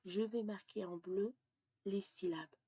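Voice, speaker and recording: A woman teaching French pronunciation, explaining slowly and dropping to a half-whisper as she writes things down. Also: mid-range voice, fairly even intonation, mellow, breathy edge, no echo. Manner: slow and deliberate, often drops to a half-whisper while writing. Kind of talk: slow explanatory lesson while writing on a board.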